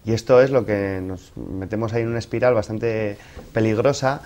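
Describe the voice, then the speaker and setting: Low-voiced man explaining as a guest expert. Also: steady tone, moderate pace, darkish tone, slight background noise. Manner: didactic, explains through examples. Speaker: expert guest giving relationship advice. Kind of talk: explanatory interview talk.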